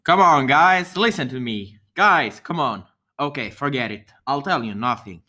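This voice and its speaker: A man acting an excitable, naive boy who pleads urgently and repeats himself, in an amateur dramatic read-through. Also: medium pitch, unhurried. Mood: excited, pleading.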